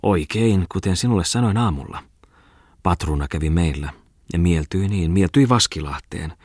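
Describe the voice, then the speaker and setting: Sly flirty farm wife as a male reader puts her on, raised husky voice, dry close sound. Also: low voice, animated, darkish tone, no echo. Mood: teasing. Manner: teasing, giggly, coaxing. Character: sly flirtatious former farm mistress woman. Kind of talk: audiobook character reading.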